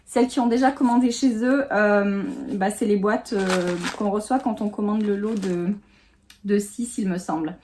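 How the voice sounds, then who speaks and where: A woman's voice: medium pitch, fairly even intonation, normal speed, a little mellow, a little hiss or hum. A woman in her thirties chatting casually while she unboxes at home, with lots of fillers and little laughs. She is sitting on a small sofa in her home office and recorded by the camera. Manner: chatty, giggly, many fillers. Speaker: vlogger.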